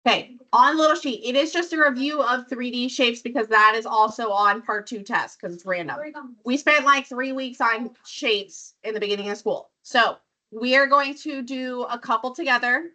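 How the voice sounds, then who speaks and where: A woman's voice: fairly high pitch, moderate pace, bright, forceful tone. A woman math teacher who is losing her voice from illness, walking a classroom through problems step by step and quizzing students as she goes. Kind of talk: classroom lesson.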